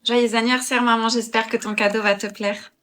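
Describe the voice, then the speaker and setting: A woman's voice: a little high, little pitch movement, brisk, a bit bright, soft background music, lightly acted. A woman voicing a sweet teenage daughter, affectionate and a little anxious. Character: sweet teenage daughter about to turn eighteen.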